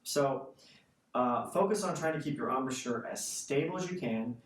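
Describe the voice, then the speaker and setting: A man's voice: medium pitch, lively intonation, normal speed. A man giving a casual instructional explanation as a music teacher, conversational and often checking in with the listener. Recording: roomy, distant mic, faint noise.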